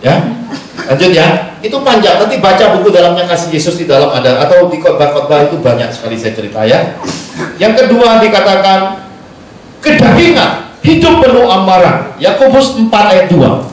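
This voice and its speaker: A man, a pastor preaching a sermon, telling stories with lively quoted dialogue and laughing asides. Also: sits high, brisk. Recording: echoey, far from the mic, faint noise.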